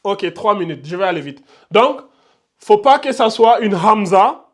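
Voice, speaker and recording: A man teaching Quran recitation rules in a live online class. He repeats himself often and slows down to chant the examples. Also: high-pitched, lively intonation. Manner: repeats words often, points at symbols on the board. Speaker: tajwid teacher.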